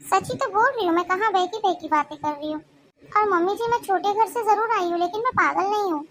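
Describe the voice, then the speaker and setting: A woman voicing a proud, sulky young daughter-in-law in a cartoon story, answering with sharp taunts. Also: very high voice, brisk. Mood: taunting.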